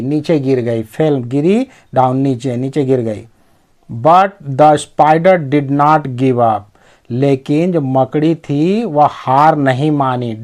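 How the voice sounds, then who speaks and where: Slow, patient male English teacher. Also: fairly high pitch. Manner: reads English slowly, then explains in Hindi. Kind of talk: reading lesson, explaining line by line.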